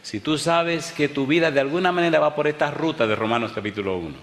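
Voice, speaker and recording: A man preaching a sermon as a pastor, telling stories with bursts of excitement and hushed quiet moments before a live congregation. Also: a little high, quick pace. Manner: animated storyteller, swings from excited outbursts to hushed tones. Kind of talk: sermon with storytelling. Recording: echoey hall, faint background noise.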